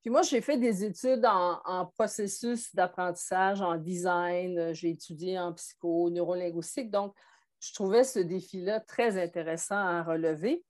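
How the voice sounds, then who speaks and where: A woman's voice: lowish voice, fairly even intonation, moderate pace, darkish tone. A woman in her sixties from Montreal with a Québécois French accent, a podcast guest telling her story in a thoughtful way with frequent hesitations. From Montreal, Quebec. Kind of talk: conversational interview.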